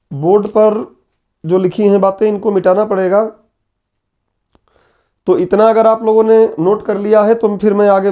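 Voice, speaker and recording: A middle-aged man teaching in a classroom, his voice pitched notably high and roughened by a sore throat. He works through the lesson point by point, firing questions at the class and answering them himself. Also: mellow. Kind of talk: classroom lecture at a whiteboard.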